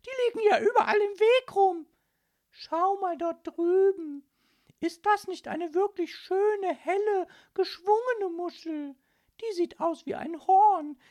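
A woman voicing a fussy, snooty mother who scolds her child on a beach, in a shrill, disgusted, bossy manner, as an audiobook character. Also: slow pace, darkish tone.

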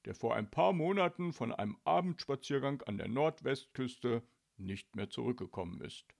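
Indignant grumbling young man, lively intonation, played by a man. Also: medium pitch, moderate pace, gravelly.

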